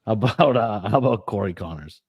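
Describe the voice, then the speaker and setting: A man's voice: fairly low pitch, animated, brisk, slightly rough. A man co-hosting a podcast in casual chat, laid-back, cursing and laughing often. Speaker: podcast co-host.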